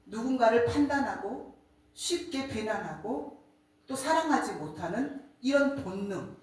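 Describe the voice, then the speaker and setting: Echoey, lively middle-aged woman preacher. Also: mid-range voice. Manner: animated storytelling, acts out quoted voices. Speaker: church speaker giving a testimony. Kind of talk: sermon testimony. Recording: echoey room, distant mic.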